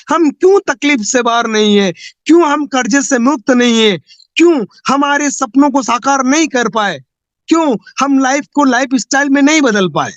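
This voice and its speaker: A man with a high-pitched voice gives a motivational talk, piling up rhetorical questions in a preachy, pleading tone. The recording is dry and close, with no room sound. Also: no room sound, muffled recording. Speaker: network marketing motivational speaker. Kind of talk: motivational speech.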